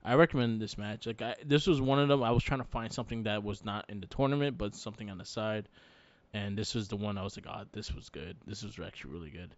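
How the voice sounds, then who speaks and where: A man's voice: on the low side, fast talker. A man co-hosting a podcast in casual chat, rambling and laughing often. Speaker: podcast co-host. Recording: dull lo-fi podcast audio.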